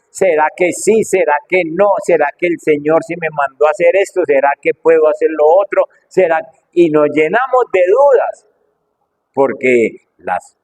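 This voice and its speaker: A middle-aged man preaching a sermon with fervour, asking the congregation one rhetorical question after another and swinging his voice up and down. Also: poor audio. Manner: fervent, full of rhetorical questions, wide swings in pitch and loudness.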